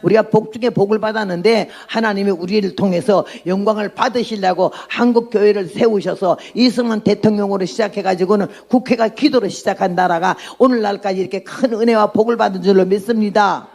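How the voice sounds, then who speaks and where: A woman's voice: mid-range voice, fairly quick, hardly any pauses, a little mellow. An outspoken woman in her eighties preaching a testimony sermon as a missionary, blunt and emphatic. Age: 80s.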